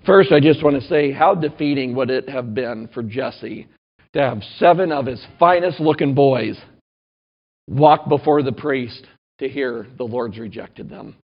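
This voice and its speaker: A male pastor giving a sermon and reading scripture aloud, earnest and measured, slowing down to stress key points. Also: mid-range voice, dull audio.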